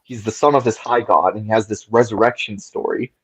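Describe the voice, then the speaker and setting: A man's voice: lowish voice, fairly even intonation, brisk, a bit bright, slightly rough, rough recording. A man on a podcast talking through ideas at length in casual discussion, often checking in with "right?". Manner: thoughtful, explains at length with frequent "right?". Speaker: podcast co-host.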